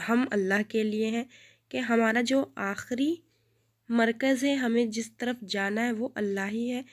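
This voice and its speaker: A woman teaching children Islamic supplications, reciting Arabic slowly and explaining in with English words mixed in. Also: on the high side. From India. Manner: mixes English into Urdu, reads Arabic slowly and deliberately. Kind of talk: slow, patient dua lesson, recites and translates.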